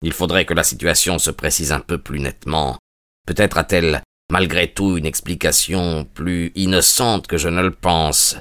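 A man voicing a sharp, commanding male detective in an audiobook, in a brisk and decisive manner. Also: low voice, fairly even intonation, no room sound, studio quality. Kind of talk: audiobook character reading.

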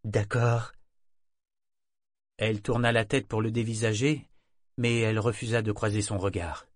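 A man reading a novel as an audiobook narrator in a measured, even manner. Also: on the low side, dry recording, clean studio sound. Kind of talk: scripted narration.

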